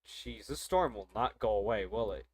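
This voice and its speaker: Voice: medium pitch, animated, moderate pace, slight background noise. A young adult gaming streamer chatting casually and muttering reactions over gameplay.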